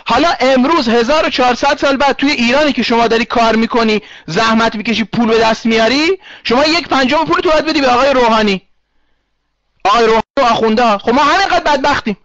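Heated high-voiced man hosting a voice chat. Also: a bit bright, dry recording, dull audio. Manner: argumentative, repeats himself, interrupts callers. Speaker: chat room host. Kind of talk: heated online talk room moderation.

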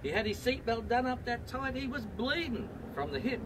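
An Australian man rolls through a comic bush poem, his fairly high voice bouncing across a wide pitch range. He is outdoors, and steady traffic noise sits behind him. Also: moderate pace, far from the mic. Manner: rollicking rhyming delivery. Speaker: bush poet.

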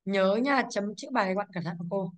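Quick-paced and mid-range, a woman's voice reviews English exercises, explaining each answer to the class in sequence. Her English words have a Vietnamese accent, and she regularly checks understanding with "đúng không ạ".

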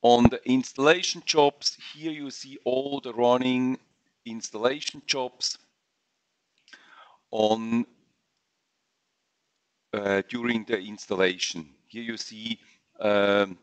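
A man walking viewers through software in a screen-share webinar, speaking halting English with frequent fillers and restarts. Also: lowish voice, dry recording. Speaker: software trainer.

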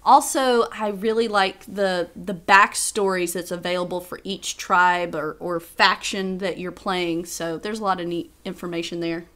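A woman's voice: lowish voice, steady tone, measured pace, few pauses, fairly bright tone. A woman co-hosting a board game preview, moving from scripted lines into friendly, chatty remarks with a few restarts. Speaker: game reviewer co-host.

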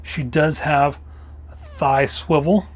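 Slightly hoarse man reviewing toys slowly. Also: on the high side, steady tone. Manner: unhurried, walks through details step by step. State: slightly losing his voice. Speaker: toy review host. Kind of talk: casual show-and-tell product review.

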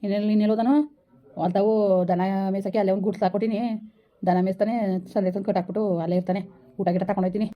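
Very fast blunt village guy played by a woman, dull lo-fi audio. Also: medium pitch, little pitch movement, close to an everyday voice. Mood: offhand. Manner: blunt, offhand, rapid. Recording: dull lo-fi recording.

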